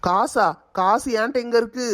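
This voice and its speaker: A woman's voice: a little high, natural voice. A woman voicing a grumpy, stingy husband who grumbles sarcastically. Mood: irritated. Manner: grumbling, sarcastic, fast rant.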